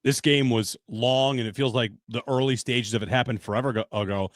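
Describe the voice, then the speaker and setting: A man's voice: medium pitch, steady tone, fairly quick, no room sound, clean studio sound. Chatty man reeling off football stats. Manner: stat-heavy, loose and chatty, leads the discussion. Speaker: sports podcast host. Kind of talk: casual sports talk.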